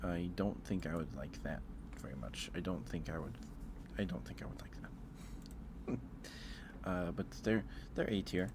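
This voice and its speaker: Speaking softly and unhurriedly, a live streamer with a low voice hosts a casual ASMR stream. He pauses often, hesitating and rambling a little, with steady background noise throughout.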